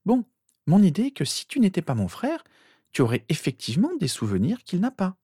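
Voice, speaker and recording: A man voicing a skeptical, teasing teenage girl with sharp retorts. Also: sits high, wildly swooping pitch, fairly quick, slightly rough, dry recording, studio quality, pitched above the performer's own voice, exaggerated voice. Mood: mocking. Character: mocking skeptical teenage girl, Harry's sister.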